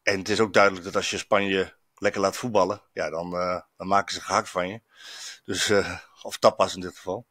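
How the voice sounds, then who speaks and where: A man's voice: sits low, flat delivery, fairly quick, fairly bright tone, no echo, studio quality. A man, a football journalist reporting from abroad, chatting reflectively with many fillers and restarts. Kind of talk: casual chat. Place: in Stuttgart, on location.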